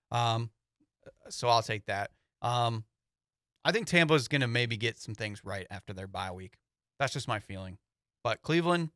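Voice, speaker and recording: A man's voice: medium pitch, bright, forceful tone, no room sound. A young man co-hosting a casual sports talk show, easygoing and rambling with fillers, speaking into a studio mic in a small studio. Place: small studio with foam panels. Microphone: studio mic on boom, headphones.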